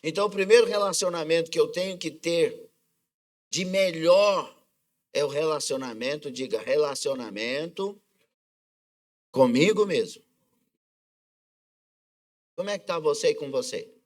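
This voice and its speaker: Questioning Brazilian pastor, higher voice. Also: male voice, expressive, measured pace, long pauses. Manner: asks the congregation questions and calls for responses. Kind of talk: sermon. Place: church service.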